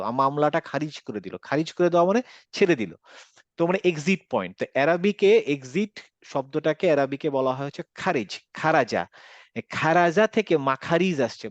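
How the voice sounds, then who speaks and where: Giving an online class, a Bangladeshi-accented man explains Quran pronunciation one step at a time, sprinkling in English words and asking questions to check understanding. His voice sits on the high side, and the recording is muffled with no room sound.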